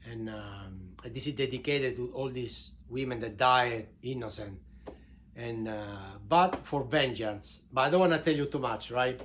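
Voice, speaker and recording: A man from Italy with an Italian accent, informally introducing his book in halting non-native English, repeating words for emphasis. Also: mid-range voice, slight background noise. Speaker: author and show host introducing his book.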